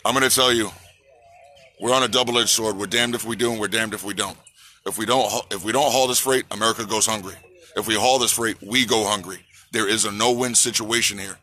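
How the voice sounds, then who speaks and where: A man in his forties gives a fiery outdoor protest speech with a bright, forceful, slightly low voice. He repeats slogans and calls on the crowd to answer. A phone at arm's length catches him, with faint outdoor noise behind. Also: steady tone, normal speed, pauses often. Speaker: trucker activist. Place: outdoors on a city sidewalk by a park. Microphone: phone held at arm's length.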